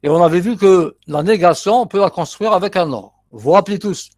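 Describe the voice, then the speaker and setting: A middle-aged man with an Algerian accent teaches a university class, working through each step and repeating key terms as he goes. His voice sits a little high for a man, and the recording is dry and close. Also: brisk, no echo. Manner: explains step by step, repeats terms, mixes in short asides.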